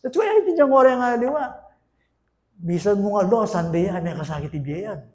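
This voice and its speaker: A man with a Filipino accent preaches a sermon, his voice pitched high. He moves between loud, pressing questions and hushed lines, slipping English phrases into his talk. The sound is roomy, with the echo of a church hall. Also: animated, fairly quick. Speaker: pastor. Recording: echoey room.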